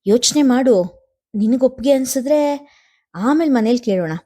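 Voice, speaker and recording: Kindly older brother in a storybook, calm and measured, warm mellow tone, put on by a woman narrator. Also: fairly high pitch, voice pushed up, lightly acted. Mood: persuasive. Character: gentle older man, caring elder brother.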